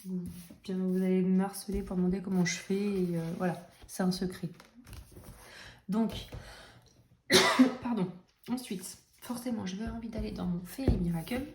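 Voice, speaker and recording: A woman's voice: mid-range voice, fairly even intonation, moderate pace, pauses often. A young adult woman chatting casually and jokingly about her coloring books, with lots of fillers. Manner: chatty, self-mocking, many fillers. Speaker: coloring vlogger. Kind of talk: casual chat. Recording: echoey room, faint noise.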